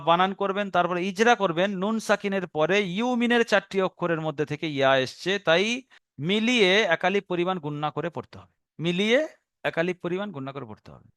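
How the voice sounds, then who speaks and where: High-voiced man teaching Quran reading. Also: fairly bright tone, clear, resonant tone, no room sound, clean studio sound. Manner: explains rules step by step, repeating phrases, drawing out recited Arabic words slowly. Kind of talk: tajweed lesson.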